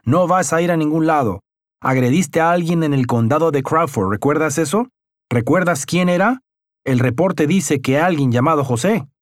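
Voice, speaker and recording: A gruff, stern jail guard, as a male narrator puts him on, barking clipped orders in a raised, hard-edged voice. He speaks over a dry, close recording with no room sound. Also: a little high, moderate pace, dry recording, voice pushed up, lightly acted.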